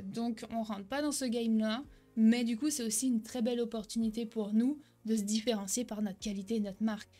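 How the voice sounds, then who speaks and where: Her voice leaning high and somewhat dark, a young woman coaches viewers on online selling in a direct-to-camera tutorial. Energetic throughout, she repeatedly asks "ok?" and stumbles into a handful of hesitations and self-corrections.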